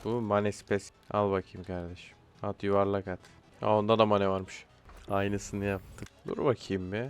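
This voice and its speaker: Young man, gaming commentary, low voice, frustrated outbursts, faint music behind. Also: level tone, measured pace. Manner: frustrated outbursts, swearing at players. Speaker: gaming YouTuber. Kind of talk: live gameplay commentary.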